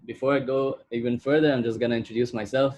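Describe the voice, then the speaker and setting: A man's voice: mid-range voice, fairly even intonation, fast talker, darkish tone. A young man from Egypt giving an online presentation as a product manager, talking casually with many fillers like "uh" and "like".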